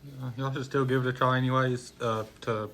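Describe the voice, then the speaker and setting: Dude co-hosting a home vlog, talks fast, sharp forward voice, casual. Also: male voice, mid-range voice, flat delivery. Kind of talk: casual chat. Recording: faint background noise.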